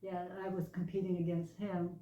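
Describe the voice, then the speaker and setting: A woman's voice: on the low side, little pitch movement, moderate pace, mellow, dull audio. Woman guest, grew up in Canada, easy laugh, casual chat; echoey room. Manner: laughs often, short agreeing replies. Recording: echoey room, slight background noise.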